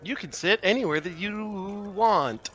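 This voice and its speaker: A man's voice: high-pitched, a little slow, a bit bright, slight background noise, pitched above the performer's own voice. A man doing a stiff formal porcelain automaton. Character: polite towering porcelain automaton, formal and calm.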